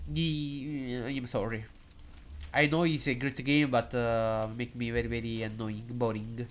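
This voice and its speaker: A man giving casual, excitable and jokey live commentary while streaming a game, hesitant and halting whenever he switches into English. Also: medium pitch. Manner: excitable and jokey, swings between loud outbursts and mumbling.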